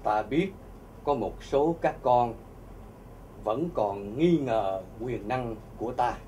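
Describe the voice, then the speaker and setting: A man voicing a solemn, commanding male deity who speaks slowly and gravely to his followers. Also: mid-range voice, warm tone, recorded from a distance, slight background noise, pitched below the performer's own voice, close to an everyday voice. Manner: slow, grave and measured.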